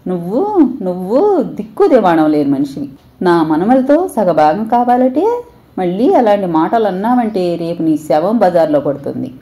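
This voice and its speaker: A woman's voice: lowish voice, fairly quick, warm tone, natural voice. A woman voicing a domineering, cruel older mother-in-law who speaks harshly and threatens. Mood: menacing.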